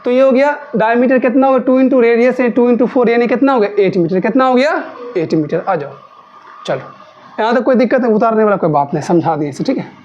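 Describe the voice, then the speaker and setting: A woman's voice: on the high side, a little fast, darkish tone, muffled recording, a little hiss or hum. A woman maths teacher giving a classroom lesson. She asks questions and answers them herself, repeating key terms again and again to coax her students. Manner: repetitive, coaxing drill of key terms.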